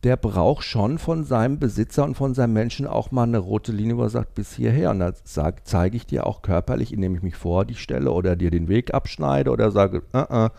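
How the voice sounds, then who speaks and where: A man hosting a podcast, talking in a lively, casual way and laughing often as he explains. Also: lowish voice, brisk, creaky, hardly any pauses. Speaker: podcast host.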